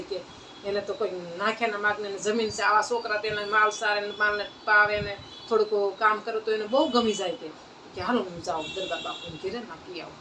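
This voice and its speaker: A woman telling a saint's life story at a satsang, in a plain folk manner that repeats phrases. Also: medium pitch. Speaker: devotional storyteller. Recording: distant mic, faint ambient noise.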